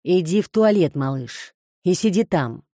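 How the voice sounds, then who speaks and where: A woman reader voicing an aggressive male robber who speaks curtly and slowly. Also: sits low, expressive, dark tone, no room sound, studio quality, exaggerated voice. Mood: menacing. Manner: curt, menacing.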